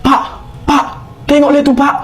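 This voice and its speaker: A woman plays every part of a comic skit, hopping between kids and mothers. Her high voice stays playful and often breaks into laughter. Faint music runs beneath her. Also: flat delivery, moderate pace. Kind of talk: comic skit acting many roles.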